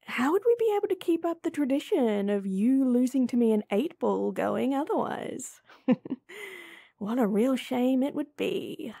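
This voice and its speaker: Heavily acted in a high, animated voice, the actress slows down a little, adding vocal fry and a mellow quality. She plays a young woman playfully teasing her childhood friend and concealing a crush, trading whispered inner thoughts for banter in this audio roleplay.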